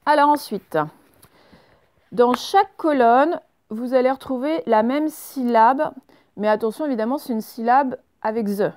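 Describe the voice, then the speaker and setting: A woman teaches young children to read, speaking slowly and carefully as she spells out each sound. Her voice sits a little high, and the recording is dry and close, with no room sound. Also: a little mellow, dry recording. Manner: slow, clear, instructive, spelling out sounds. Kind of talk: remote reading lesson for young children.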